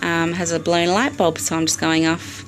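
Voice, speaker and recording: Australian woman, lowish voice, chatty DIY vlogger shot on a phone video, faint background hiss. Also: little pitch movement, normal speed. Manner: chatty, explains step by step with frequent ums. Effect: recorded on a phone video. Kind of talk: casual DIY tutorial. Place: bedroom at night. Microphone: phone camera.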